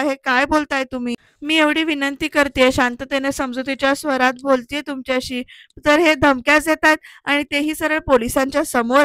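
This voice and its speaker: A woman's voice: high voice, fairly bright tone, clean tone, no echo. A woman narrating a voice-over recap of a TV serial, chatting to viewers and retelling the characters' lines. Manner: chatty, keeps addressing viewers and retelling dialogue.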